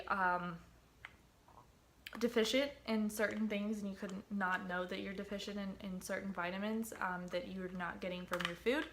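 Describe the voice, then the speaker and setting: Young woman doing a casual vlog chat, kinda hesitant, informal, average pitch. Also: a little hiss or hum. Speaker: fitness vlogger.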